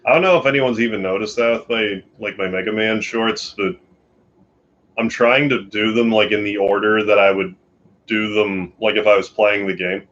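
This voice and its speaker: A man's voice: lowish voice, fairly even intonation, moderate pace, a bit bright, muffled recording. A tired man from Canada chatting casually and rambling on a late-night live stream from his bedroom. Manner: sleepy, rambling, yawning. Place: home bedroom.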